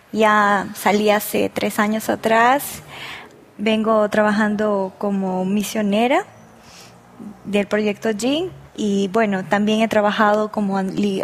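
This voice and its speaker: A woman from Peru, a missionary guest on a religious talk show, speaking gently and introducing herself with soft fillers. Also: medium pitch. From Peru, Loreto region.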